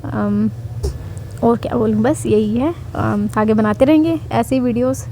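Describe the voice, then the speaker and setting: Young woman chatting to her viewers, kinda high voice, reassuring, slight hiss behind. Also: measured pace, dark tone. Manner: chatty, reassuring, mixing in English phrases. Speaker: vlogger sharing interview experience. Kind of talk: casual chat.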